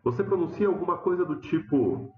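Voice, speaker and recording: Paulista guy teaching class, lively, acts out students, echoey muffled room. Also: fairly quick, a little hiss or hum. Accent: São Paulo Portuguese. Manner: animated, acts out students' questions with rising pitch. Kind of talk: lecture to students. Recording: dull, roomy classroom sound.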